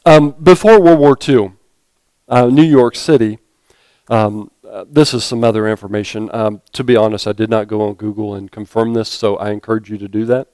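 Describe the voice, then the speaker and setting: A man's voice: fairly low pitch, steady tone, normal speed, darkish tone, no room sound. A man preaching a sermon as a pastor, talking conversationally with frequent fillers and self-corrections.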